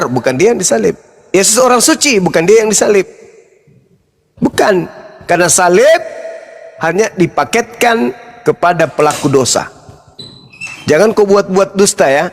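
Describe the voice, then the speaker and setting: High-voiced mocking man debating. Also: expressive, normal speed. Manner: mocking, combative, repeats questions, laughs at opponents. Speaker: debater in an online interfaith discussion. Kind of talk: heated debate.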